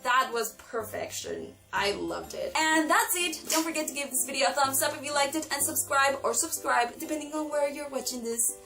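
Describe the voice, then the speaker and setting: A young woman chatting excitedly about books she has read, gushing over her favourites in a casual vlog. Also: sits high, normal speed, hardly any pauses. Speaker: book vlogger. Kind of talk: casual book review vlog. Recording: distant mic with faint background music.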